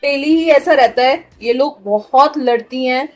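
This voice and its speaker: A woman's voice: high-pitched, unhurried. A mother filming a home vlog, coaxing and scolding her small children with playful threats and chatting to the camera. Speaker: mother vlogging her day with three young children. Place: at home, indoors.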